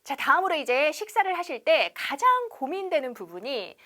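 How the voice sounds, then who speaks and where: A woman teaching English phrases in a TV lesson, explaining lively and reading example sentences slowly for practice. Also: sits high. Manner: frequent "자" to start points.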